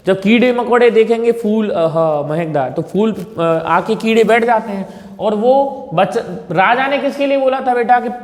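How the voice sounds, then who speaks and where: High-voiced male tutor drilling terms. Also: unhurried, darkish tone, reverberant, in a large hall. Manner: repetitive drilling, questions and corrections. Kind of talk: classroom teaching with call-and-response drills.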